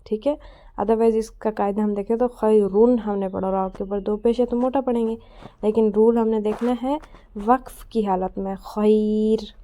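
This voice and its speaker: A woman teaching a Quran recitation lesson. She explains each rule patiently and says every example word slowly and clearly. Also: mid-range voice, fairly even intonation, warm tone. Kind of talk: tajweed lesson.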